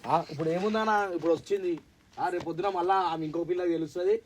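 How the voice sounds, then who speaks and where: Rapid-fire Hyderabadi man, worried. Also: on the high side, a little mellow, slight background noise. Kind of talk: scripted family drama acting.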